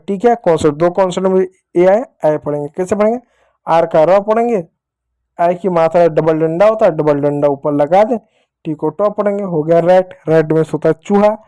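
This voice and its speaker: Male phonics teacher, soft dark tone, repetitive drill style. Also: high-pitched. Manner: repetitive question-and-answer explaining, addresses pupils as dear children. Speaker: English teacher. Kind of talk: classroom-style phonics lesson.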